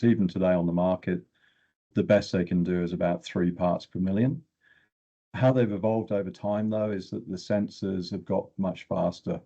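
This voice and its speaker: A lo-fi recording captures an older guest expert in exploration geochemistry, his low voice creaky, warm and slightly rough. He explains technical material in a plain-spoken way, punctuated by short emphatic phrases.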